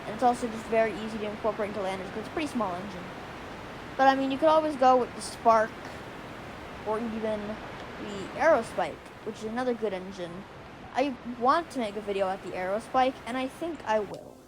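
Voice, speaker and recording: A woman with a squeaky voice giving casual, rambling gameplay commentary, often going off on tangents and restarting her sentences. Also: low-quality recording. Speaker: gaming video creator. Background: faint music and controller clicks.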